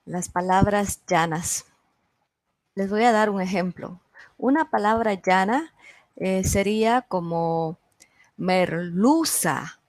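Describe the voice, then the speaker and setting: A woman leads a beginners' language class, drilling vocabulary by saying each word slowly and deliberately. Her voice sits at a middle pitch and is recorded close and dry, with no room sound. She pauses between words for her students. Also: no room sound. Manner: slow, carefully enunciated word drills. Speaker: Spanish teacher. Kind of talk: online class teaching.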